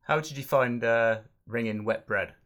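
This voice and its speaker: A man's voice: mid-range voice, unhurried, fairly bright tone. A man co-hosting a food podcast, talking in a hesitant, filler-heavy way and laughing easily. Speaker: podcast co-host. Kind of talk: casual chat.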